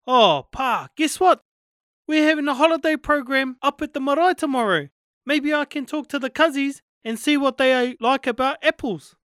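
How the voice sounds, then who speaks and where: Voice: high voice, moderate pace, a bit bright, dry recording, studio quality, voice pushed up. A narrator voicing an eager, unsure young grandchild in storybook dialogue, with a Māori New Zealand accent and informal questioning manner. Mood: excited. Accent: Māori New Zealand English.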